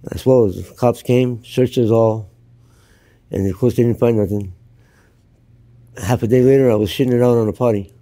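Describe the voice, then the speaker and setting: A man's voice: medium pitch, steady tone, normal speed, long pauses, mellow. An older man from Canada telling his life story in an interview, blunt and plain-spoken. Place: outdoors in Los Angeles.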